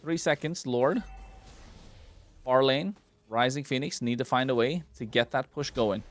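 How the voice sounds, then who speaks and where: A man casting a mobile esports match live, with rapid, excited play-by-play calls and chants. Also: mid-range voice. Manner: excited, fast-paced calls with wordplay. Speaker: esports caster. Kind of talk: play-by-play commentary.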